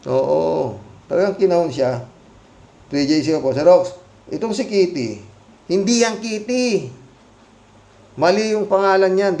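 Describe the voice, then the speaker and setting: A man with a slightly high but mellow, soft-edged voice, reading viewer comments aloud and adding sarcastic, mocking asides. He laughs often and talks casually, as a host does with regulars. The recording has a roomy echo around it.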